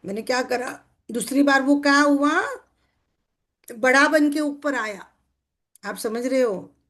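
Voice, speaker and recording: A middle-aged woman coach with a somewhat high voice leads a group workshop. She keeps turning to her listeners with questions and checks that they follow. She brings her points to life by voicing little everyday scenes. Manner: acts out everyday scenes in quoted speech. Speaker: success coach. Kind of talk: motivational group workshop talk.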